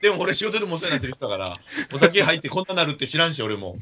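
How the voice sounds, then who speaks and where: A man telling an animated story in casual chat, acting out the quotes of the people in it. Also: on the high side, rapid-fire, slight background noise. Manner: animated anecdote with acted-out quotes. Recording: dull lo-fi recording.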